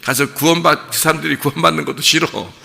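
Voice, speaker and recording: A man's voice: a little high, fairly even intonation, fast talker, vocal fry, sharp tone, big-room sound. A man preaching a conversational dawn sermon as a pastor, often asking the congregation questions and acting out quotes. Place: church sanctuary.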